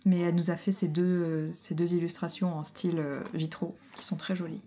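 A woman co-hosting an audio commentary in casual chat, talking softly and explaining the jokes with easy laughter. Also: level tone. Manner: deliberately soft, low-volume talk.

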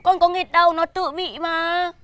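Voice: very high-pitched, level tone, normal speed, bright, forceful tone. The performer plays a young son with a swollen cheek, whining and pleading with his father. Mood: whiny. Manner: whining and drawn out. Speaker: the master's son. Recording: noisy background.

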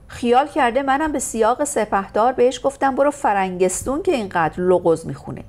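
A woman voicing a bossy, sharp-tongued older lady who scolds loudly, in a storybook reading. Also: fairly high pitch, animated, pitched above the performer's own voice. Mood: scolding.

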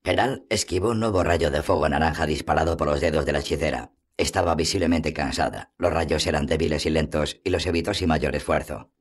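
A man reading a fantasy novel aloud as an audiobook, in steady, measured narration. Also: rumbling low. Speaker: audiobook reader. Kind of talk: scripted narration.

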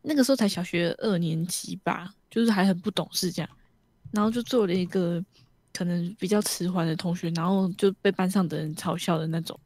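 A woman chatting casually, ending her sentences with soft trailing fillers. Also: fairly low pitch, steady tone, a little fast, no room sound. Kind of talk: casual group chat.

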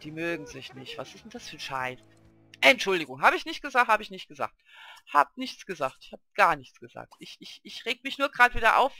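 A woman's voice: medium pitch, sharp tone. A woman hosting a let's play, commenting on her game through a headset and chatting to the characters, urging and grumbling at them. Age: adult with a child.

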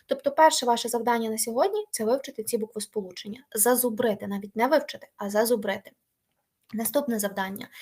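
A young woman leads a language lesson, patient and repetitive, asking students to repeat after her. Her voice sits a little high with a breathy, husky edge. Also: a little mellow. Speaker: Ukrainian language teacher.

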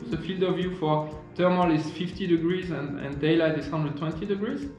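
A man in his thirties talks an audience through his invention from his desk, pausing and restarting often. His voice sits a bit high and rings around a very echoey office. Soft music plays underneath. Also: muffled recording. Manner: halting, many restarts and fillers, earnest. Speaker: engineer and founder of a marine detection product. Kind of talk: explaining a product to camera. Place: office room, indoors.

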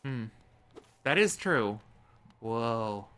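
A man's voice: medium pitch, animated, extremely slow, crowd noise. A man chatting casually and playfully as he plays a game on stream, joking and bantering. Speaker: guest gamer. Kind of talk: casual stream chat while playing.

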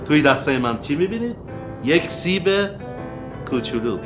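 A man's voice: fairly high pitch, big pitch swings, over music. An actor playing a clownish amateur magician with playful showman patter. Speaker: sitcom character, amateur magician. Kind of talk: sitcom acting.

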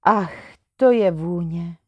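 A woman voicing a sweet, eager seventeen-year-old princess who speaks in a bright, eager way. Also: mid-range voice, lively intonation, no room sound, highs cut off, voice pushed up, close to an everyday voice.

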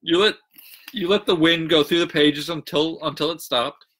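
A man voicing a pastor in a joke, giving instructions in a steady, teaching way. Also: fairly high pitch, normal speed. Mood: questioning. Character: calm advising male pastor.

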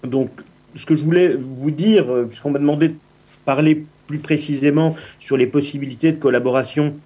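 A man in his fifties giving a formal, halting address by video call from an indoor office, repeating words often. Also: fairly high pitch, steady tone, mellow, breathy edge. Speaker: network director.

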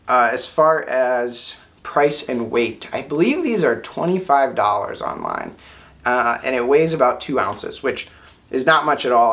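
A man in his twenties giving a casual gear review at his desk in a small room, relaxed and full of ums and quick self-corrections. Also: mid-range voice.

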